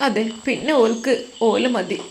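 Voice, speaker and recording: A woman's voice: on the high side, measured pace, creaky, slight background noise. A woman voicing a grieving older mother who speaks soothingly. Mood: lamenting.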